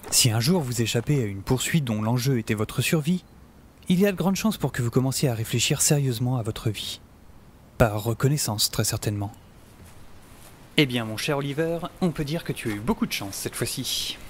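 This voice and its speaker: A man with a mid-range, expressive, natural voice delivers scripted first-person audio drama narration at normal speed, playing an optimistic, self-important middle-aged scientist and survivor. His tone is wry, theatrical and musing, with music behind him and a little hiss or hum.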